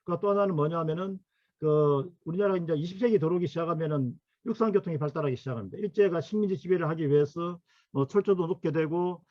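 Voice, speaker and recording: Halting middle-aged male history lecturer. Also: fairly high pitch, dry recording, highs cut off. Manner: halting, full of fillers, asks for next slide. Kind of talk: academic lecture to workshop attendees.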